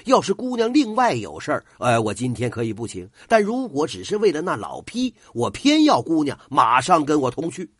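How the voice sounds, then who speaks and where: A pompous, lecherous official, loud and used to being obeyed, as an old storyteller puts him on. The voice swings widely in pitch and sounds a little husky. It is close and dry, with no room sound. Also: male voice, big pitch swings, moderate pace, no room sound. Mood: angry. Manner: booming, bossy.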